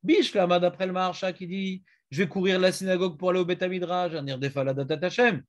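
A man's voice: high-pitched, steady tone, fast talker, muffled recording. A man teaching a Talmud class, questioning and prodding his students.

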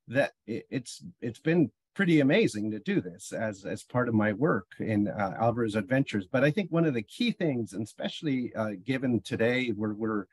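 A man's voice: medium pitch, husky, no room sound. A middle-aged man from Chile, a guest on a video-call panel, talking eagerly and rambling with restarts. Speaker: panel guest, bird tour guide. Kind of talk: casual panel discussion. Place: home office on a video call.

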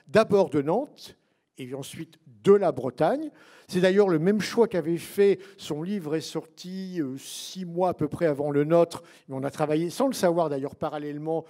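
A man's voice: fairly high pitch, dark tone. A man who is one of a book's authors, answering an audience question at a public talk, digressive with wry asides and many fillers.

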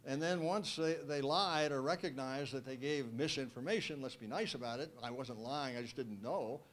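An older man, a guest speaker, answering audience questions with wry, emphatic, measured replies into a handheld microphone in a wood-panelled banquet room. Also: mid-range voice, fairly bright tone. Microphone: handheld mic.

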